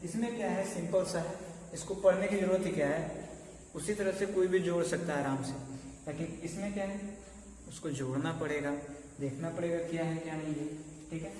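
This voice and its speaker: A man's voice: a little high, a little fast, darkish tone. A male maths teacher giving a conversational lecture at a board, checking in with his students often. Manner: conversational, keeps checking in with "okay". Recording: echoey room, mic far off, faint noise.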